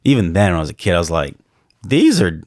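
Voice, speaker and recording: Low-voiced male pastor, dry and close, easygoing and affirming. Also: very animated, quick pace, a little mellow, no echo. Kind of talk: casual conversation.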